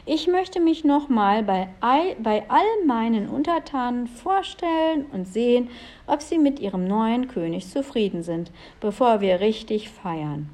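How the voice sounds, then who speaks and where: A woman's voice: a little high, expressive, a little slow, darkish tone. A woman voicing a shy young prince in a children's story, speaking earnestly.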